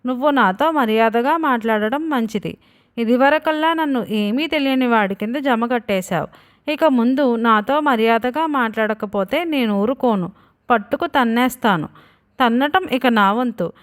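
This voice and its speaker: A woman's voice: on the high side, moderate pace, lightly acted. A woman doing a defiant, mocking young son. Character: defiant young son in his father's grown body.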